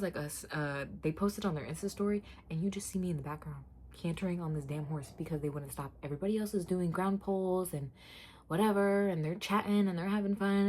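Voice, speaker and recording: A young woman with a fairly low voice chats candidly to her viewers like a vlogger. Her storytelling is animated and slangy, with points repeated for emphasis. There is clear ambient noise behind her. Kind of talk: casual chatty storytelling to viewers.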